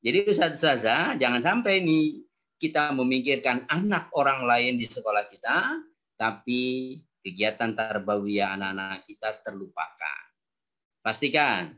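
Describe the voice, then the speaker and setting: 40s guy giving a religious talk, bright sharp voice, middle pitch, keeps going "ya" and "nah" at the crowd. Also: lively intonation, measured pace. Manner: addresses audience directly with frequent rhetorical "ya" and "nah". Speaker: Islamic teacher giving a parenting talk. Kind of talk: religious lecture to teachers. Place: talk before a live audience.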